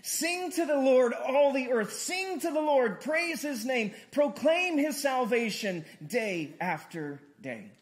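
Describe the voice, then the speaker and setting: A male pastor delivering a sermon with a high-pitched voice. He talks in a loose, conversational way, joking with the congregation and calling for responses. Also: slow, few pauses. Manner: lively, conversational, jokes with congregation.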